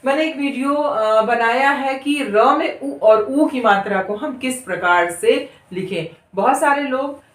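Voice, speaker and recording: A woman's voice: high-pitched, a little slow, few pauses, reverberant, recorded from a distance. A woman teaching beginners to read, who draws out each long vowel and repeats every word several times. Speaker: Hindi reading teacher. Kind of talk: slow, drawn-out spelling lesson for beginners.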